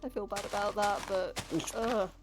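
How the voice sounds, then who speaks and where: A woman's voice: medium pitch, fairly even intonation, normal speed, background noise. A British woman chatting casually while gaming, in a rambling way with frequent stammered restarts. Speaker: gaming streamer. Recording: music behind the voice.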